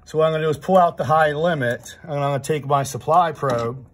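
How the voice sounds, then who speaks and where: Talking fast in a fairly high voice, the middle-aged HVAC instructor demonstrates on a furnace in a training room, walking through each step plainly and methodically while often restarting his sentences.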